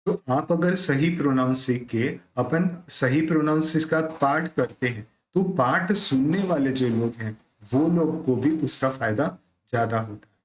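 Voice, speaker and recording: A man teaching correct pronunciation of a devotional hymn: he explains each word, then recites it slowly and repeats it. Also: medium pitch. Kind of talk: pronunciation lesson. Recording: echoey room.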